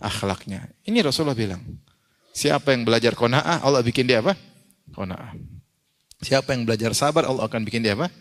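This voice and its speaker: A man's voice: medium pitch, lively intonation, fairly quick, pauses often. Preacher man in a reverberant hall. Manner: asks the audience questions and answers them himself; acts out quoted people in a raised voice. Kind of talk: Islamic sermon with hadith recitation.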